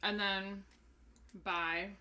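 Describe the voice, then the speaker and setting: A young woman co-hosting a podcast in casual chat, relaxed, laughing along with short replies. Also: medium pitch, extremely slow. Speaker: podcast co-host.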